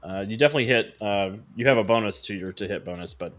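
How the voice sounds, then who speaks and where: A man's voice: on the low side, fast talker, music in the background. A man running a tabletop game as game master, casually refereeing and encouraging his players.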